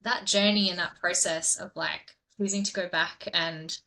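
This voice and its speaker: A woman hosting a podcast in a relaxed, chatty way, laughing easily and dropping into soft asides. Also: on the low side, normal speed. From grew up in southern India. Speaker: podcast host. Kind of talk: casual podcast chat.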